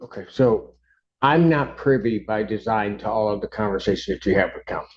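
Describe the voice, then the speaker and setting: A man presiding as judge, captured on a courtroom recording, firm and quick to cut in with "hold on.". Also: lowish voice. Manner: firm, interrupts with repeated "hold on". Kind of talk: presiding over court hearings. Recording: dull courtroom audio recording.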